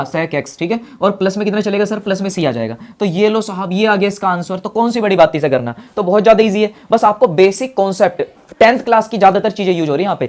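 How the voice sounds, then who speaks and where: A male maths teacher talks through a lesson at a brisk, rapid clip. He asks questions aloud and answers them himself, and calls his students brother in a friendly way. He repeats the key steps to drive them home. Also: high-pitched, darkish tone.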